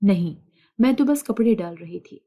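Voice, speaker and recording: A woman's voice: mid-range voice, expressive, natural voice. Woman voicing a timid tearful young wife. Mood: pleading. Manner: quiet, trembling.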